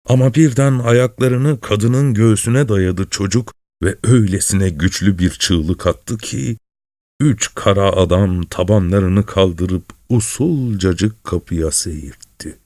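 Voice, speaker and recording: A man reading a literary story aloud in a calm, measured way. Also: lowish voice, no echo, studio quality. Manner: calm, measured, soft-spoken.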